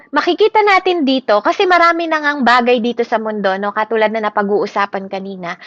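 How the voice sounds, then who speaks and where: A woman with a Filipino accent preaching in an animated style, shouting hallelujahs and often asking her listeners for agreement. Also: a little high, dry recording. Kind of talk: sermon. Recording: muffled, lo-fi recording.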